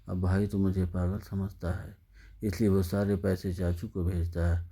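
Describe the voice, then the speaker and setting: Guy reading out a sad young woman's lines, soft and pleading, deep and dark. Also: flat delivery, breathy edge. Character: young woman, weary and hopeful.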